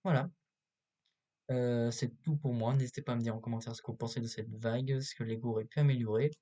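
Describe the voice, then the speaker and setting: A man giving casual, unscripted video commentary as a host, halting often with filler sounds, recorded on a cheap built-in laptop microphone. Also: medium pitch, fairly even intonation, dark tone. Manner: hesitant, halting delivery with many filler pauses. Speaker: YouTube host reviewing toy sets.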